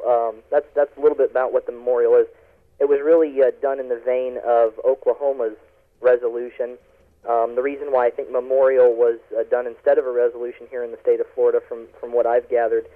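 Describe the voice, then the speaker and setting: A man calling in to a talk radio interview, heard over a phone line on the radio, explaining earnestly with many ums and uhs. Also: mid-range voice. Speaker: activist guest calling in.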